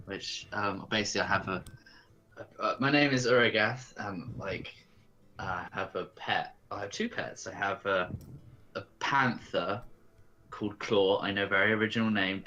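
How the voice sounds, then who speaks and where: A man playing in a tabletop game, giggling and talking haltingly while he introduces his character. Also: on the low side, sharp tone. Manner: giggly, halting, full of fillers. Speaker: player. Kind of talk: casual chat at a game table.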